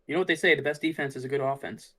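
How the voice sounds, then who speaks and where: A man with an ordinary mid-range voice talks through a card game tournament. He muses aloud about each play in a relaxed, chatty way. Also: mid-range voice, rapid-fire. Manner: thinks aloud, musing and easygoing. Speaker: tournament commentator. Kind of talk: casual play-by-play commentary.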